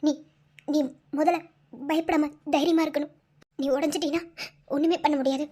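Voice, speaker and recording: Role: woman playing loyal, tough young wife, Madurai Tamil accent, very high voice, soothing and coaxing. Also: steady tone, moderate pace, mellow, lightly acted. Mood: comforting. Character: young wife, devoted, fierce and comforting. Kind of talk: amateur cartoon voice acting.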